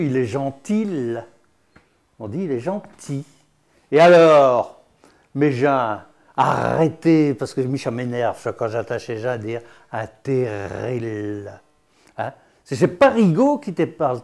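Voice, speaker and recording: A man's voice: mid-range voice, darkish tone. An older man giving a chatty, teasing dialect lesson full of asides. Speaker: patois teacher.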